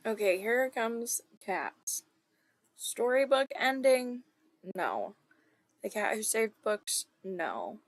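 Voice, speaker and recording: A woman streaming a co-working session, thinking aloud in casual self-deprecating chat with soft muttered asides. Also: fairly high pitch, sing-song, takes it slowly, no room sound.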